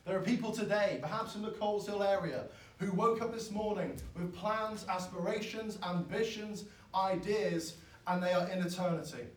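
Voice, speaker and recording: A man, preaching a sermon in an earnest, pleading way that swells loud and then drops soft. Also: sits high, moderate pace. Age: 20s. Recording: echoey, from far off.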